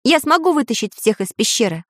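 A woman's voice: fairly high pitch, big pitch swings, a little fast, a bit bright, dry recording, studio quality. A woman voicing a practical, matter-of-fact metal tinkerer man in a children's audiobook. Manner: matter-of-fact, a little glum.

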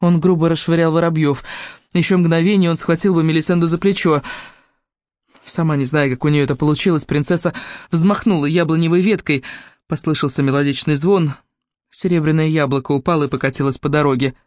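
Audiobook narrator for a fairy tale, expressive, dry close mic. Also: medium pitch, brisk, no room sound. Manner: expressive storytelling.

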